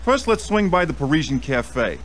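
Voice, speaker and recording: A man voicing a brash, chummy middle-aged American buyer and card sharp in a video game, with slangy salesman patter. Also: a little high, big pitch swings, normal speed, a crowd in the background. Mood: chummy, pushy. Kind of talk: video game character acting. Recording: background noise and ambience.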